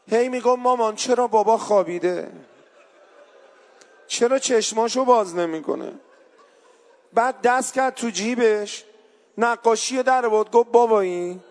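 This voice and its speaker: A man telling a mourning story as a sermon, voicing the people in it, then rising into a wailing chanted lament. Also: high-pitched. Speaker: eulogist preacher.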